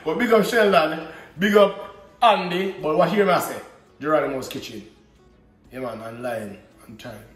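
A man's voice: fairly high pitch, normal speed, soft background music. Jamaican guy in his 30s chatting while he cooks, laid back, mic kinda far off, echoey kitchen. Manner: easygoing, chatty, patois-flavored banter. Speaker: cooking vlog host. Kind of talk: casual cooking demo. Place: home kitchen, indoors. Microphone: camera mic at a distance. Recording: roomy kitchen echo, distant mic, clear background noise.

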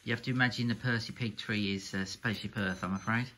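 A middle-aged British man chatting casually as a vlog co-host, with a husky voice, at home. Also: on the low side, fairly even intonation, fast, pushed and bright, slight background noise. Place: living room at home.

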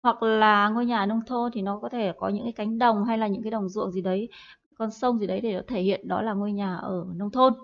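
A woman's voice: mid-range voice, fairly even intonation, a little fast. A woman teaching English in a recorded online lesson, explaining in Vietnamese with hesitant fillers and repeating words for practice. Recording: dull lo-fi audio.

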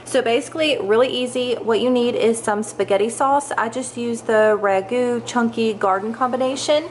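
A chatty woman shows viewers around her spacious kitchen and dining room, speaking at normal speed in a fairly high voice. The casual, upbeat home tour is full of fillers, captured on a handheld camera mic with a little hiss or hum.

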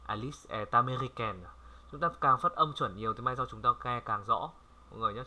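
A man from Vietnam giving a casual language lesson, chatty and repeating words slowly for viewers to copy. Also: medium pitch, lo-fi sound. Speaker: French language tutor. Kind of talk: casual screen-recorded lesson.

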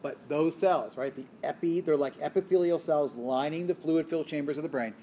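A man's voice: fairly high pitch, a little fast, warm tone, slight background noise. A man giving a recorded college biology lecture, explaining step by step and asking questions that he then answers himself. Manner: asks the class questions and answers them himself.

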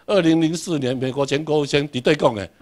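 A man lectures a classroom with a Taiwanese Hokkien accent, his voice sitting a little high for a man. He repeats himself often, hammers home each point and makes the class say English words back to him. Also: fast talker, a little mellow. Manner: repetitive, emphatic, drills English words.

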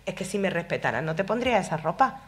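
A woman's voice: on the low side, big pitch swings, quick pace. A woman voicing a controlling, sulky teenage boy who talks in whiny, guilt-tripping slang. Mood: accusing.

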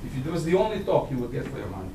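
Heard from a distance in an echoey conference hall, this sixties-aged man from Croatia speaks English with a Croatian accent, giving a provocative, emphatic keynote as he paces and gestures. His mid-range voice is sing-song and racing, with background noise in the mix.

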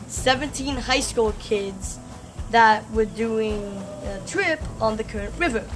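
A young woman talks to a camera on a tripod in the woods, chatty and a little halting. Her voice sits a bit high. Music plays under her. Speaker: channel editor. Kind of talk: casual intro to camera. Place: outdoors in woods.

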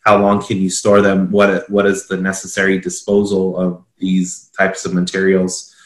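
A man in his forties with a lower voice, a consultant, explains a standard haltingly and informally, reading requirements aloud with a completely flat delivery. He's on a video call in a small indoor office, and the computer microphone picks up a roomy, echoey sound.

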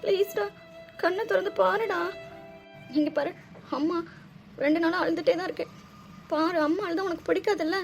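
A woman's voice: very high-pitched, steady tone, fairly quick, pauses often, faint music behind. A woman voicing a grieving mother at a hospital bed, pleading and tearful, in a Tamil cartoon dub.

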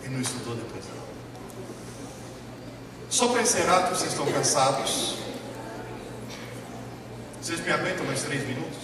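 A man giving a talk on learning to a live audience, humorous and animated, often putting questions to the listeners. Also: on the high side, moderate pace, long pauses. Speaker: speaker at an education talk. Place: large hall. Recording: echoey hall, distant mic, noisy.

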